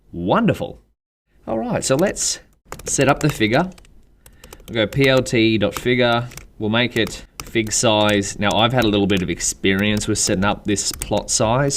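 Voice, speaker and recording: A man with an Australian accent, talking through a coding tutorial in a relaxed, chatty way and thinking aloud while he types. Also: on the low side, a little hiss or hum. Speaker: programming instructor. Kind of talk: screen-recorded coding tutorial. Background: keyboard typing.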